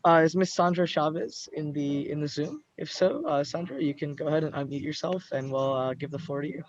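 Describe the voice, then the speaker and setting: A man's voice: on the high side, a little fast, dry recording. A man running a student club's video call, announcing upcoming events in a loose, casual way with many ums and uhs. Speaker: student club officer hosting a meeting. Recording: muffled video-call audio.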